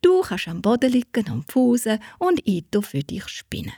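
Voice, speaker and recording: Fairy-tale helper saint, voiced by a woman narrator: kindly, hushed, breathy, dry. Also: on the low side, big pitch swings, a little slow, dry recording, full character voice. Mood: gentle. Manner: soft, hushed, whispering. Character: kind old female saint, gentle helper.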